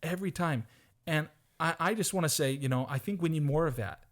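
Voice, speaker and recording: A man's voice: a little high, a little fast. A man co-hosting a podcast in casual motivational chat, earnest and upbeat, often repeating words as he thinks. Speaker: podcast co-host.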